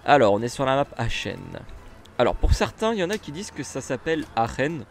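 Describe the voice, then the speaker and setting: A man's voice: a little high, big pitch swings, rapid-fire, a little hiss or hum. A man with a French accent casually commenting while he plays a bus simulator, chatty and rambling with lots of fillers and restarts. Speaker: gaming YouTuber.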